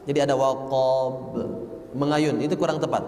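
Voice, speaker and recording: Male recitation teacher, slow patient drilling, chants examples; slightly high voice, reverberant mosque hall. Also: darkish tone. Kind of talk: Quran memorization lesson. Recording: roomy hall reverb, faint noise.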